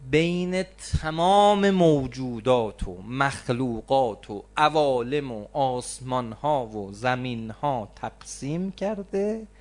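A man preaching a religious sermon, swinging between loud stressed phrases and low, slowly drawn-out words. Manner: stretches key words slowly for emphasis.

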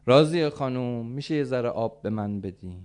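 A man's voice: mid-range voice, animated, a little mellow, clear, resonant tone, close to an everyday voice. Guy putting on a weak old blind man, arabic accent, humble and begging for water. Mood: pleading.

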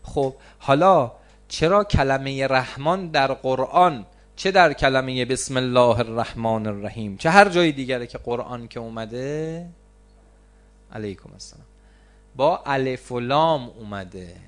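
A man preaching a religious sermon, swinging between loud stressed phrases and low, slowly drawn-out words. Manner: stretches key words slowly for emphasis.

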